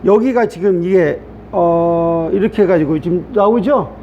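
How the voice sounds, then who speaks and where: A middle-aged man, a pastor, giving a chatty classroom lecture on the Greek alphabet, checking in with the class often. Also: measured pace. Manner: chatty, repetitive, asks class "됐죠?". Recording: dull low-fi sound with faint hiss.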